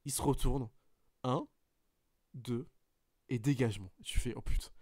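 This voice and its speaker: A man hosting a podcast, swearing often as he retells a wrestling match in an animated play-by-play. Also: mid-range voice, normal speed, breathy edge, no echo, studio quality. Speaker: podcast host. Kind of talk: casual podcast chat, excited match recap.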